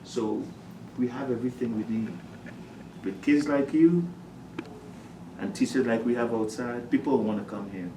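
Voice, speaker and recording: A middle-aged man from Trinidad, a high school principal, telling lively stories about his students in a casual interview. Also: moderate pace, long pauses, slight background noise. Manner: animated storyteller, acts out his talks with students. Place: school office. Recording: echoey room, distant mic.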